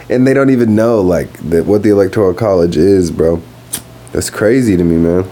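A young man talking casually and profanely on his podcast while high, rambling from one thought to the next. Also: moderate pace, mellow, slight background noise. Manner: rambling, profane, laid-back. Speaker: podcast host. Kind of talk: casual stoned podcast monologue. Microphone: podcast microphone.

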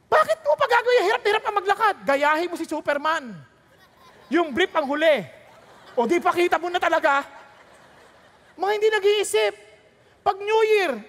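A woman's voice: very high-pitched, fairly bright tone, in a large hall. A woman pastor preaching a sermon, throwing rhetorical questions and jokes at the congregation while mixing Tagalog and English.

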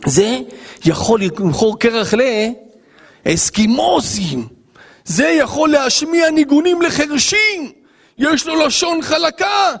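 A man, a rabbi, giving an animated Torah lesson, acting out scenes and firing rhetorical questions at listeners. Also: very high-pitched, long reverb tail.

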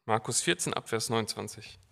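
A man's voice: lowish voice, animated, brisk, creaky, a bit bright. A young man preaching a sermon in an earnest, conversational way, asking his congregation questions. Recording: long church reverb.

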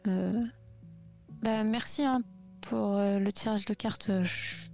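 A woman's voice: mid-range voice, slow, gravelly, darkish tone, soft background music. A woman playing a character in a tabletop role-playing game, hesitant but firm in her lines. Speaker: player.

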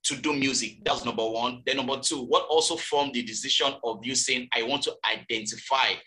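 A man from Nigeria interviewing a guest. His voice is bright and forceful, and he asks long, winding questions padded with fillers. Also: medium pitch, steady tone, a little fast.

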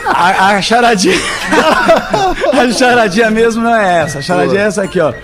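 A man's voice: high-pitched, animated, moderate pace. A man on a radio comedy panel telling joke riddles. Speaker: radio show regular.

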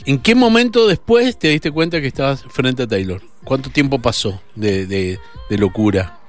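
A man's voice: medium pitch, lively intonation, normal speed, soft background music. A man with an Argentine Spanish accent hosting a radio interview, asking short, curious questions. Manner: curious, brief prompting questions. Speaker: radio host.

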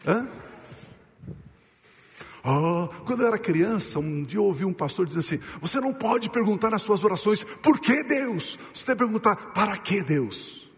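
Expressive and preaching in a big-sounding room, this male pastor throws rhetorical questions at the congregation and slows down, dropping low, whenever he wants to stress a point.

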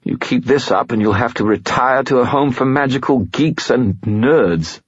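Male narrator doing a high, whiny skull spirit, grumpy, storybook fantasy, slightly muffled. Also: very animated, a little slow, breathy edge, no room sound, full character voice. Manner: whiny, complaining.

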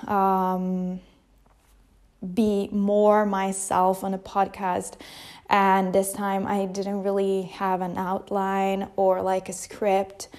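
A young Italian woman in her early 20s hosts a casual, unscripted podcast from her couch at home, chatty and self-deprecating. Her mid-range voice is a little mellow, and she records without a proper mic.

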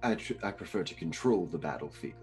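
A man playing a tabletop game, laying out his plans in a measured way. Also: low-pitched, lively intonation, over music. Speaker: player. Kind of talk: tabletop role-play.

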